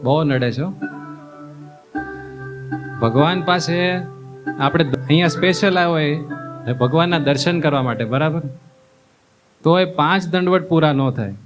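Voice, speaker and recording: A man with a fairly high voice delivers a folksy sermon as a monk. He acts out the characters in his stories and keeps asking his listeners questions. Guitar music plays clearly behind him. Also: normal speed, long pauses. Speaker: monk giving a discourse. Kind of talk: sermon with storytelling.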